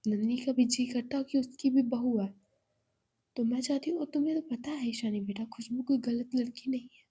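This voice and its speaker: Calm old grandma coaxing softly, woman reading her, lower and breathy. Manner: gentle, soft, reasoning. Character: elderly grandmother, calm and persuasive.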